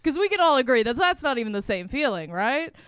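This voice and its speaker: Bright, clear young woman doing stand-up. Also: high-pitched, fast talker, dry recording. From Canada. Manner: animated, punchy, laughs at her own jokes. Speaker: stand-up comedian. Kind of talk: stand-up comedy set.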